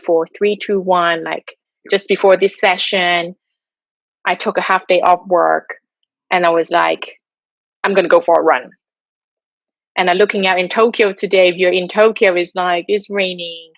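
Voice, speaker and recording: A woman's voice: lowish voice, no room sound, lo-fi sound. A woman from Malaysia speaking as a guest on a video call, giving earnest, motivational answers about mindset and habits. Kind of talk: online talk answering questions. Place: home in Tokyo.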